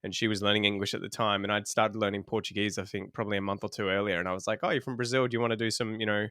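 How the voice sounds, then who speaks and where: Laughing often, a thirty-something Australian man who works as an English teacher tells relaxed stories while guesting on a podcast. He talks rapid-fire in a smooth, fairly low voice. The sound is studio quality with no echo.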